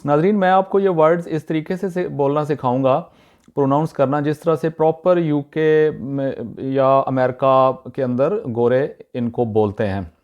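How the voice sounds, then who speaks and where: A man's voice: on the high side, steady tone, darkish tone, dull audio. Man teaching pronunciation. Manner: repeats example words slowly, many "uh" pauses. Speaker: YouTube teacher. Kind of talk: pronunciation lesson.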